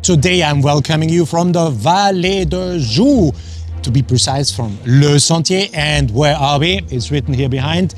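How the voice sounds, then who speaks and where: A man hosting a watch show, presenting to camera in a lively, chatty way. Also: fairly high pitch, a little slow, faint music behind.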